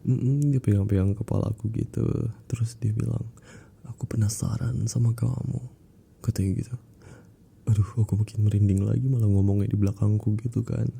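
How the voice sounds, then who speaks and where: A young man as a husband in a whispered role-play, softly telling a story with chuckles. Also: fairly low pitch, steady tone, fairly quick. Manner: soft storytelling with chuckles and throat clearing.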